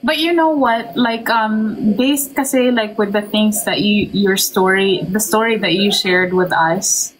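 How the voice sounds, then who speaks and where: A woman host interviews a guest, answering her story with encouraging remarks. She speaks slowly and unhurriedly, switching between English and Tagalog. Faint noise sits behind her voice. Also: mid-range voice, poor audio. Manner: responsive, mixes English and Tagalog.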